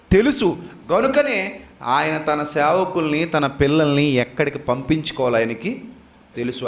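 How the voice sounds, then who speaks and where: A man preaching a Bible class sermon, firing rhetorical questions and long repeated lists, swinging between raised emphatic lines and low quiet ones. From South India.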